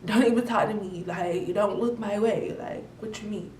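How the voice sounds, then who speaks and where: Young woman vlogger, animated slangy storyteller, faint hiss behind, middle pitch. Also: moderate pace, recorded from a distance. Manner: slangy, animated storytelling that swings from loud outbursts to mutters. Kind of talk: casual storytime chat. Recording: roomy, off-mic with faint noise.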